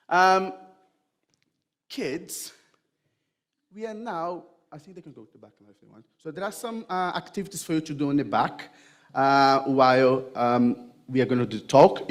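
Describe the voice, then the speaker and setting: A man from Brazil, preaching a church sermon in a chatty, joking way and speaking straight to the congregation. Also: medium pitch. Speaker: pastor.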